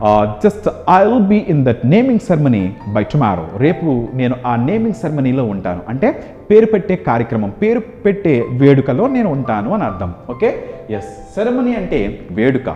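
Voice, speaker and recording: Animated teacher with a Telugu accent. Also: male voice, on the high side. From India. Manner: drills phrases in rapid rhythmic lists. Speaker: spoken English teacher. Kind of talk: classroom English lesson. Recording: echoey room, dull sound, music behind.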